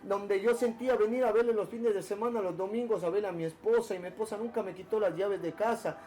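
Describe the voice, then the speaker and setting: A man giving an earnest personal testimony to a pastor, halting, with many repeated words and restarts. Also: high-pitched, steady tone, mellow. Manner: earnest, emotional storytelling. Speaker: church member giving testimony.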